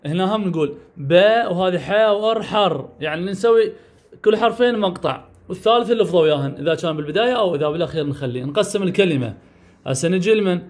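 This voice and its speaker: A man with an Iraqi Arabic accent teaches beginners to read, sounding out words slowly, syllable by syllable. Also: sits high, animated. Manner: slow syllable-by-syllable drilling of sounds. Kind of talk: beginner reading lesson.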